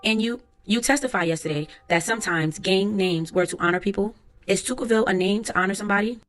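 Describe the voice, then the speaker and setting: A woman reads as a trial lawyer working through careful, formal questions. Her pitch stays in the middle range, with a level transcript-reading delivery over faint background music. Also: fast talker, natural voice. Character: courtroom lawyer questioning a witness. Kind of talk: transcript read-aloud.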